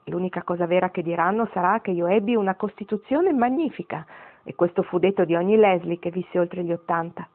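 A woman's voice: on the low side, fairly quick, close to an everyday voice. Woman doing a wistful old granny in a storybook, tender and wry, tinny phone-line sound.

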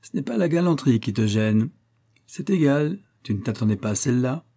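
A man's voice: medium pitch, animated, brisk, mellow. A man reading an audiobook, voicing a cocky young Parisian street lad who talks in a boastful, slangy way.

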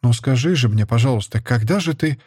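A man's voice: mid-range voice, expressive, fairly quick, a little mellow, breathy edge, no echo, studio quality. A man reading aloud, voicing a fussy, anxious mother in a raised, flustered voice. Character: fussy anxious mother, middle-aged woman.

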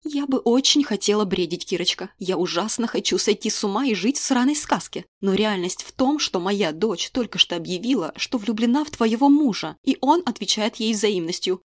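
A woman reading an audiobook, voicing a furious middle-aged friend and mother who shouts crude accusations down the phone. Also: mid-range voice, expressive, moderate pace, few pauses, dry recording, clean studio sound, lightly acted. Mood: bitter accusing.

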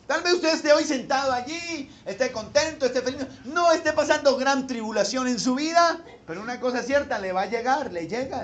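A man preaches a sermon to his congregation, his voice pitched notably high. He swells into loud emphatic peaks and keeps checking that he is understood. A faint hiss sits under the recording. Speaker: pastor.

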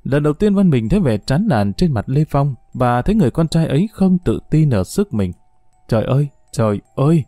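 Male narrator, detective audiobook, mellow voice, dry close sound, faint music underneath. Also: on the high side, very animated, brisk, few pauses, no room sound.

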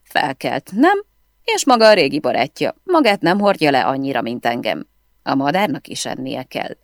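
A woman's voice: a bass voice, big pitch swings, no room sound, clean studio sound, full character voice. A woman reading the part of a teasing, defensive middle-aged housekeeper whose first language is Spanish.

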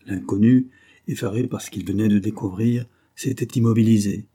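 A man reading a novel aloud as audiobook narrator, with steady storytelling. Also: fairly low pitch, normal speed, breathy edge. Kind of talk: scripted narration of a French adventure novel.

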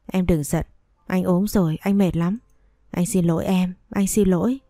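Sick, remorseful young husband, soft and pleading, low mellow tone , read by a woman. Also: fairly even intonation, normal speed, no room sound, studio quality, natural voice.

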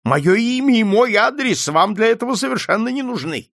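A man's voice: lively intonation, moderate pace, gravelly, fairly bright tone, dry recording, clean studio sound, full character voice. A man voicing a frail, paranoid old man who is terrified and suspicious of everyone, in an audiobook reading. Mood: frantic. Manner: shrill, pleading, frantic.

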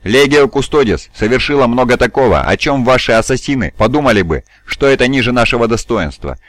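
A man voicing a weary, scheming old male regent who speaks in a measured, cool, persuasive way. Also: mid-range voice, expressive, a bit bright, no echo, close to an everyday voice.

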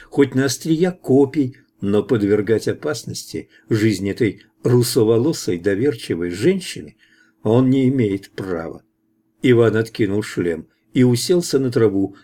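A man narrating an audiobook in a steady storytelling manner. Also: lowish voice. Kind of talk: audiobook narration of science fiction.

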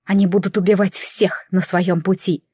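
A woman's voice: on the low side, level tone, normal speed, mellow, husky, no echo, studio quality. A woman voicing a bitter, hostile young female elf who speaks harshly through gritted teeth in an audiobook.

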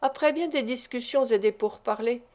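A woman reading a classic novel as an audiobook, in measured, even narration. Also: a little high.

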